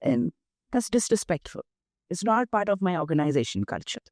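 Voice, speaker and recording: An older woman with an Indian accent, speaking as a guest in an interview, measured and emphatic as she explains through lists of examples. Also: medium pitch, big pitch swings, a little mellow, dry recording, studio quality. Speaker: guest, nonprofit founder. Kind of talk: interview conversation.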